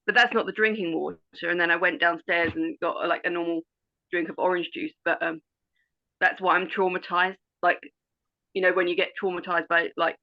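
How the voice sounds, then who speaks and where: Rambling woman with a gravelly voice, heard over dull lo-fi call audio. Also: fairly low pitch, steady tone, a little fast. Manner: rambling, hesitant, many fillers. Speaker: call participant. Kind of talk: casual group call chat.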